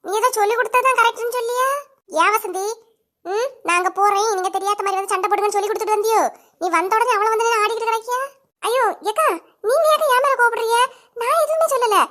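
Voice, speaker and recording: A sharp-tongued village woman bickers with her neighbours in a cartoon comedy, voiced by a woman. Her voice sits very high, and she scolds and accuses in a Kanyakumari Tamil accent. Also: steady tone, racing. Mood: quarrelsome. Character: bickering village women neighbours, quick-tempered.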